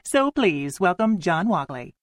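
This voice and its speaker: A woman's voice: on the low side, sing-song, a little slow, no room sound. A woman reading a scripted welcome speech as an event presenter, formal and courteous.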